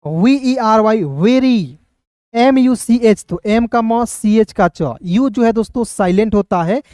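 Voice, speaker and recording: A man's voice: high voice, a little slow, a little mellow, dry recording, clean studio sound. A man giving a recorded video lesson as a reading teacher, spelling words out letter by letter and patiently repeating filler phrases. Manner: patient and repetitive, often adding filler phrases. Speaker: English teacher.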